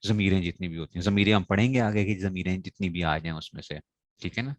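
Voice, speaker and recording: A man's voice: low-pitched, no room sound. A man teaching Arabic grammar in a classroom lecture, explaining step by step, often asking the class whether they follow and stressing correct pronunciation.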